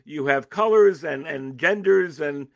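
Animated man analyzing politics. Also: on the high side, a little slow, vocal fry, highs cut off. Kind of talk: radio interview, political analysis.

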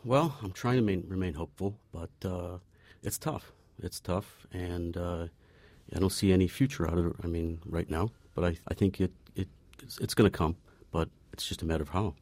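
A man in his forties answering radio interview questions in a halting, hesitant way with frequent restarts. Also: sits low, a little mellow, dry recording. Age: 40s. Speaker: interview guest, unemployed chemist.

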